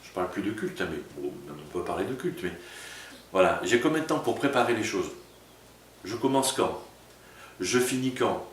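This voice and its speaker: A man's voice: fairly low pitch, expressive, normal speed, long pauses, a little hiss or hum. A man, a pastor, giving an informal sermon-style talk to small groups and often asking "tu vois?". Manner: informal, addresses listener as tu, frequent "tu vois". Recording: roomy echo from a distance with faint ambience.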